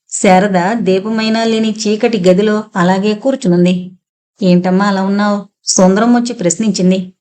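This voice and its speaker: A woman narrating a full-length novel as an audiobook, with steady storytelling. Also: mid-range voice.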